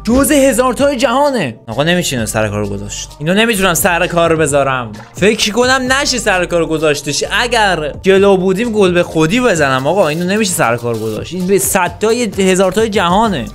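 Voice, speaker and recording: Excitable high-voiced man commentating a game. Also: hardly any pauses, soft background music. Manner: excitable, trash-talks the opponent; calls the play like a sportscaster. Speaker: gaming channel host. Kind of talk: online match commentary.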